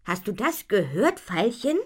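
A woman's voice: medium pitch, big pitch swings, a little slow, breathy edge, pitched above the performer's own voice. A woman doing a shy, doubtful farm girl. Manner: skeptical and hesitant.

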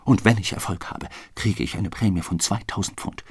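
A man voicing a scheming male detective who presses his case in a hushed, conspiratorial way, in a husky, dry reading. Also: on the low side, normal speed, dry recording. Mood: insistent. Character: scheming insistent male police detective, adult.

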